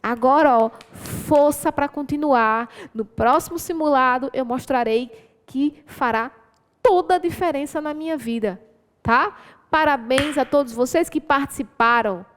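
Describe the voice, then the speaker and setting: A woman's voice: sits high, a little slow, big-room sound. A Brazilian woman teacher going through exam answers, explaining patiently and encouraging her students, often checking in with tag questions.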